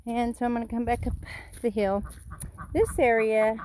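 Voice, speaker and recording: A woman's voice: a little high, level tone, moderate pace, darkish tone, slight background noise. A woman giving a casual walking tour of her garden, chatty and a bit out of breath, recorded outdoors on a handheld phone. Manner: chatty, pointing things out while walking outdoors. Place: outdoors in a rural yard.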